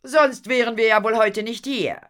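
A woman's voice: on the high side, moderate pace, fairly bright tone, voice pushed up, lightly acted. A woman playing a haughty, cool stage diva. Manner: haughty, curt. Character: proud, cool-tempered female stage performer.

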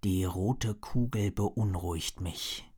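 A man doing a grave old wizard. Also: a little slow. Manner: low, concerned murmur. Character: older male wizard, grave and caring.

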